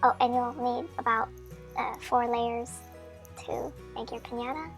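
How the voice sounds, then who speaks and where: A woman's voice: fairly high pitch, steady tone, measured pace, soft background music. A woman's voice sped up into a chipmunk voice, giving a chatty, friendly craft how-to voice-over with small slips. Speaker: craft tutorial maker.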